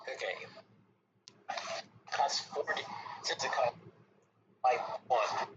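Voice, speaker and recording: A man taking part in a tabletop game over a voice call, talking casually as he works out costs and plans. His audio is dull and lo-fi, with steady background noise clearly heard behind him. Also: medium pitch, slow. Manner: asks practical questions, planning aloud. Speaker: player.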